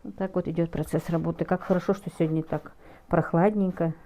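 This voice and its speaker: A middle-aged woman with a fairly low, very soft-edged mellow voice talks casually as a home cook. She speaks in a halting way, searching for words and rephrasing as she explains. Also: steady tone. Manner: halting, with hesitant self-corrections. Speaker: home cook taking food orders, vlogger. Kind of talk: casual cooking vlog chat.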